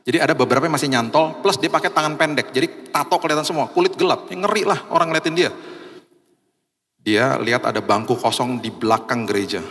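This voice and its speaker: A man preaching a sermon as pastor, telling a story and acting out the people in it. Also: fairly bright tone. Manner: storytelling, acts out quoted voices with big pitch jumps. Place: large church hall. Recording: long hall reverb.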